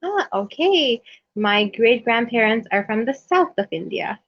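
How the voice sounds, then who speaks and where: A woman with a South African accent, tutoring English in a chatty, unhurried conversation over a video call. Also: on the high side, expressive. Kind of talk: casual conversation practice. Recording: muffled lo-fi call audio.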